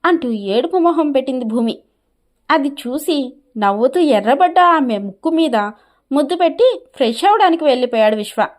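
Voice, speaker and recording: A woman narrating a cartoon story in an even storybook manner. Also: high voice, normal speed.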